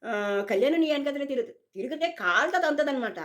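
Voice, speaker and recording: A woman's voice: high-pitched, lively intonation, fast. A woman giving a casual opinion monologue about a reality show. She sounds chatty and opinionated, repeats words for emphasis and acts out quotes.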